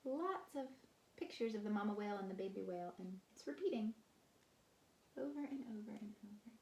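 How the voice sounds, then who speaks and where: A woman talks like a kindergarten teacher sharing a picture book with small children. Her mid-pitched voice has a noticeable creak, and she phrases things simply, pausing and stressing key words. The room adds clear echo. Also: animated, a little mellow. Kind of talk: reading a picture book aloud to young children. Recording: roomy echo, faint background noise.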